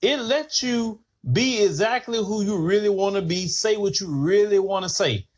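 Fairly high-voiced man, opinionated podcast host, animated. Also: normal speed. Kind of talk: casual commentary podcast.

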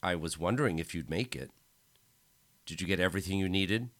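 Audiobook role: a solicitous aristocratic lady, put on by a male reader, smooth and brisk. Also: deep voice, a bit bright. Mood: coaxing.

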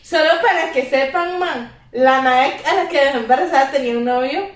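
A young Costa Rican woman vents in lively casual chat, slipping between Spanish and English as she rants. Her voice is high. She sits away from the mic, so she sounds distant in an echoing room. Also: moderate pace. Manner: animated ranting, code-switching. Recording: echoey room, far from mic.

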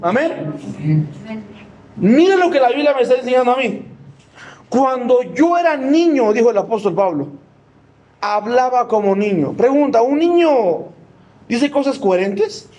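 A man's voice: very high voice, big pitch swings, unhurried, pauses often, darkish tone, slight background noise. A man preaching a sermon in a church, emphatic and humorous, often asking the congregation yes-or-no questions and mimicking people.

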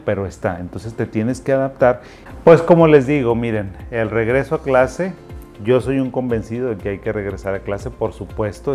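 A man's voice: lowish voice, a little mellow. A male psychiatrist giving casual, folksy advice to parents in a conversational way. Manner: folksy, conversational, frequent "o sea" fillers.

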